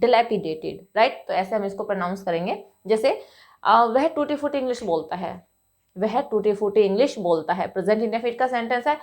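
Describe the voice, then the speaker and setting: A woman teaching English vocabulary to Hindi speakers, explaining patiently and often checking with "right?", saying example sentences slowly. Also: a little high.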